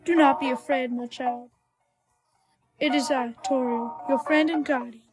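A woman voicing Toriel, gentle motherly goat monster. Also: high-pitched, fairly even intonation, unhurried, music in the background, rough recording. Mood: tender. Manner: formal, soft-spoken and kind. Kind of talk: fan dub of a game.

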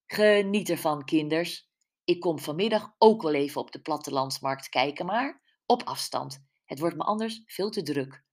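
A woman's voice: low-pitched, expressive, moderate pace. Woman doing a grumbling older village mother. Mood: mild. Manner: scolding, complaining.

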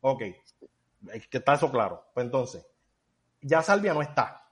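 A man's voice: medium pitch, sing-song, normal speed, fairly bright tone. Teasing male podcast host. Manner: teasing, playful. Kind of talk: casual podcast chat.

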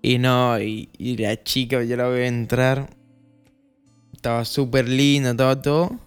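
A young man with an Argentine Spanish accent telling a casual storytime monologue, acting out the scenes with lively jumps in his voice. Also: measured pace, clear, resonant tone, faint music behind. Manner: animated, acts out scenes with rising pitch.

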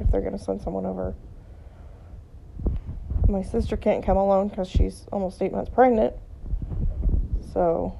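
Tired gravelly woman rambling on. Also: warm tone, slight background noise. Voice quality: gravelly, low-energy. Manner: meandering, with frequent ums and trailing sentences. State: tired and sick-sounding. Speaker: vlogger. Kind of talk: casual rambling monologue. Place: at home. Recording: dull lo-fi recording.

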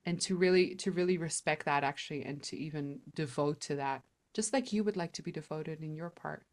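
A woman's voice: low-pitched, a little fast. A woman guest on a podcast interview, explaining her ideas in an earnest, teacherly way.

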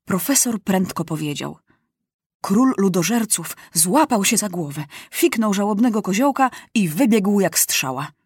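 Husky woman reading a children's story. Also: mid-range voice, lively intonation, unhurried, darkish tone, no echo, studio quality. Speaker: audiobook reader. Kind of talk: scripted narration of a children's book.

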